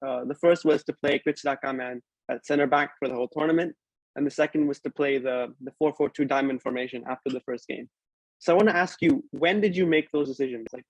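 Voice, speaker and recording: A man's voice: medium pitch, no echo, rough recording. A man conducting a conversational sports interview, putting questions to a guest.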